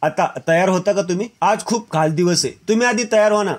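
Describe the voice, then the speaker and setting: A man voicing a gentle, devoted young daughter-in-law who speaks softly. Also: high voice, fast, voice pushed up, close to an everyday voice.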